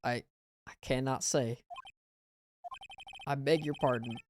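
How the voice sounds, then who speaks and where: A woman voicing a pompous older male lawyer who hems, haws and clears his throat evasively. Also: very deep voice, steady tone, slow pace, a little mellow, a little hiss or hum. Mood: stuffy.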